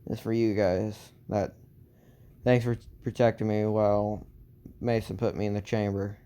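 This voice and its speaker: A solemn young soldier hero, as a man puts him on, speaking in slow, halting, earnest phrases. The voice sits low and mellow, smooth and clean. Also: flat delivery, close to an everyday voice.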